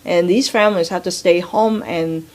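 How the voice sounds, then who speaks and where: A woman's voice: lowish voice, steady tone, normal speed. A woman navy veteran from Hong Kong speaking in an earnest, heartfelt way in an interview. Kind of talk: interview testimony.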